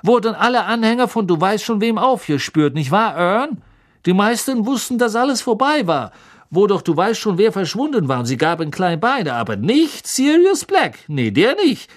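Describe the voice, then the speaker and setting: An audiobook reader voicing an excitable, gossipy young male bus conductor who tells a story dramatically and keeps asking for agreement. The reader pushes the voice up and gives it extra force. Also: mid-range voice, moderate pace, pitched above the performer's own voice, lightly acted. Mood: gossipy, dramatic. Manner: dramatic, chattering, eager for agreement. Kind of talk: audiobook character voice.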